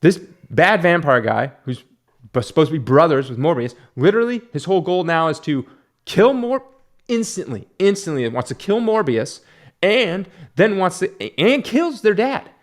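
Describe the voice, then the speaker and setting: A man's voice: fairly high pitch, sing-song, normal speed. A man giving a casual, ranting film review in an exasperated, mocking way.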